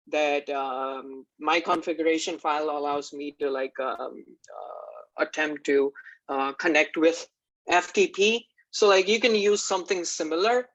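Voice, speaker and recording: A man's voice: fairly high pitch, fairly bright tone, rough recording. A young man from Nepal giving a class project presentation, walking through technical steps with many "like" and "uh" fillers. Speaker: student presenter.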